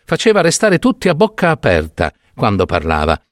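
A male narrator reads a classic short story with theatrical expression, his mid-pitched voice rising and falling widely. The sound is dry and close, with no room around it. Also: huge pitch swings, brisk, no echo.

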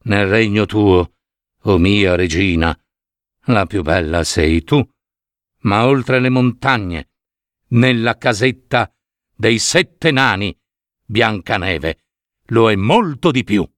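A solemn magic mirror, voiced by a man reading a fairy tale, answers in a low, grave voice. Each phrase comes slowly and weightily. The recording is dry and close. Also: lively intonation, a bit bright, dry recording. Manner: slow, grave pronouncements.

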